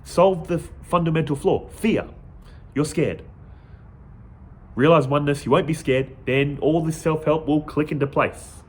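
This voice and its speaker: A man's voice: fairly high pitch, measured pace, husky. A man hosting a spiritual video channel, talking earnestly to his viewers in a casual monologue and often repeating words as he goes. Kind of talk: casual direct-to-camera monologue.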